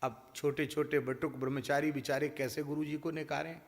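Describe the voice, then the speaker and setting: A man's voice: a little high, level tone, moderate pace, big-room sound. A man giving a devotional discourse, telling stories and mimicking village characters in their voices. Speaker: spiritual teacher.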